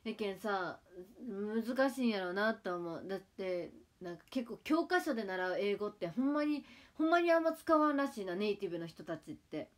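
A woman's voice: mid-range voice, brisk. Chatty young woman with Kagawa dialect. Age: 20s. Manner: relaxed, chatty, answers viewer comments. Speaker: idol livestream host. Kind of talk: casual livestream chat reading comments.

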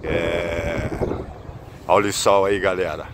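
A Brazilian man in his forties talks into a phone held at arm's length, chatty and upbeat. His voice sits low, and he keeps turning to his viewers. The outdoor recording carries clear wind, street ambience and passing vehicles. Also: steady tone, slow pace. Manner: chatty, upbeat, repeats phrases, addresses viewers directly. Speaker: vlogger. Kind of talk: casual travel vlog to camera. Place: outdoors by a rail yard in open sun.

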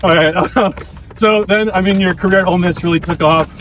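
Young dude hosting an interview while running, slangy, bit high voice, slight outdoor noise. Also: male voice, steady tone, fairly quick, a bit bright. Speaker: host, interviewer. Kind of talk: casual chat. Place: outdoors on an open dirt road.

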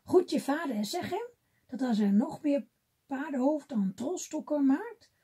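A woman reading aloud, voicing a furious old female troll witch who shouts threats. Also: high-pitched, expressive, unhurried.

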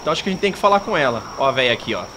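A Brazilian man giving excitable, slangy let's play commentary as a gaming youtuber. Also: mid-range voice, racing, background noise. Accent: Brazilian Portuguese.

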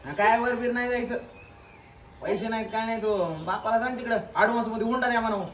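A man's voice: extremely high pitch, steady tone, fast talker, fairly bright tone. A young man acting in an improvised comedy skit as a rustic would-be groom, bantering stubbornly and teasing his girlfriend. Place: outdoors near a building. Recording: echoey distant mic with background noise.

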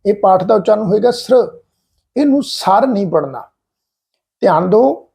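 A man with a Punjabi accent teaches pronunciation in a high voice with a gravelly edge. He spells words out letter by letter at a patient, deliberate pace. He repeats each sound slowly so listeners can follow. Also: a little mellow. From Punjab, India. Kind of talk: slow, deliberate pronunciation lesson.

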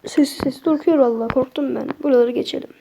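A young woman, a native Turkish speaker, gives excitable, chatty horror game commentary to her viewers, cursing at the game as she plays. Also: sits high, racing, vocal fry, background noise. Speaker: gaming streamer.

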